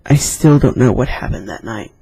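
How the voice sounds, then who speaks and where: Gravelly, husky man reading scary stories. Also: mid-range voice, moderate pace, warm tone, no room sound. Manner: chatty, with rambling asides between readings. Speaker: YouTube storyteller.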